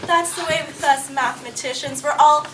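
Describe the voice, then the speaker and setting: A woman acts as a logical, gently teasing mathematician in a film scene. Her voice is high and her delivery wry. The sound is distant and noisy. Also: fairly even intonation, a little fast, natural voice. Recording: echoey room, distant mic, noisy clicks.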